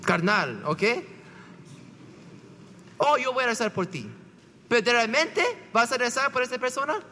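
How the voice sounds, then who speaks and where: A man's voice: very high-pitched, expressive, measured pace, pushed and bright, big-room sound, slight background noise. A man, a priest, preaching a conversational homily full of rhetorical questions and repeated "¿verdad?".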